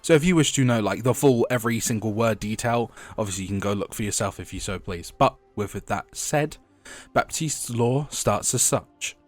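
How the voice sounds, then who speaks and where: A young man with a head cold sounds a bit congested as he narrates game lore for a scripted video essay, tossing in chatty asides. His voice is fairly low, with lively intonation at a normal speed.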